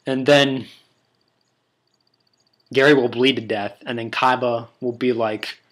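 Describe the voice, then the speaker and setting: A man's voice: medium pitch, fairly even intonation, takes it slowly, a bit bright. A young man hosting a casual video, talking in a crude, rambling, joking way. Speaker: video host. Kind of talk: casual vlog commentary.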